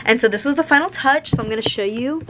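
A woman's voice: fairly high pitch, fast talker, fairly bright tone. A young adult woman chatting casually for a vlog in a bubbly, gushing sorority-girl manner, sprinkling in "like" often. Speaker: vlogger, college sorority member. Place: indoors, dorm bedroom and large empty hall. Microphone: camera at arm's length. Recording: noisy room ambience.

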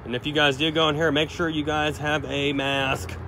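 A man's voice: a little high, little pitch movement, moderate pace, background noise. A man casually narrating a walk-around vlog outside a building, talking straight to his viewers with frequent exclamations, recorded on a handheld phone outdoors. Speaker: vlogger exploring abandoned places. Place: outdoors around an abandoned restaurant and its parking lot.

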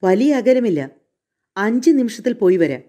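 A humble male coachman speaks deferentially and defensively, voiced by a woman storyteller. The voice sits a little higher than her own and stays mellow. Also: very animated, moderate pace. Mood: worried.

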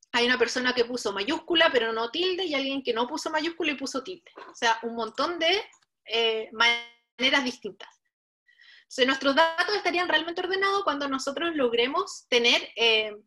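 A woman with a clear, bright teaches a live online coding workshop. Her voice sits high, and she addresses the learners directly as she walks them through each step with patience. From Chile. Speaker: workshop instructor.

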